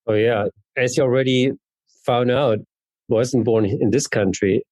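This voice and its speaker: A man in his fifties from East Berlin, Germany, with a German accent, answers conversationally as an interview guest; he is a neurologist and genetics researcher. His voice is medium-pitched, steady and darkish in tone, at a measured pace, with no room sound.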